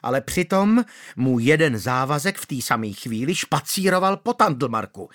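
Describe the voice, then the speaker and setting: A man voicing an angry widow who shrieks and scolds her deceitful suitor in a shrill voice. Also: animated, a bit bright, close to an everyday voice. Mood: shrill, scolding. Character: shrieking, furious middle-aged widow, woman. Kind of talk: audiobook character voice.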